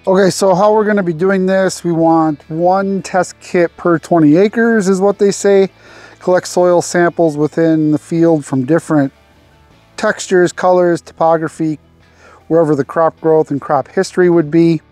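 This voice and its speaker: A man's voice: a little high, steady tone, normal speed, a little mellow, dry recording, faint music behind. A man in his forties, host of a homesteading channel, casually explains a farm chore outdoors into a lapel mic, with easy fillers along the way. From Arkansas. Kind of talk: casual instructional vlog.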